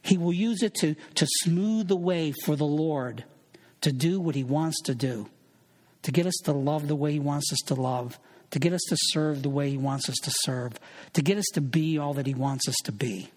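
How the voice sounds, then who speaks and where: A man's voice: on the high side, normal speed, darkish tone. Preaching man in a reverberant space. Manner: earnest preaching, reads scripture aloud with quoted voices. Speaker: pastor. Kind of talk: sermon.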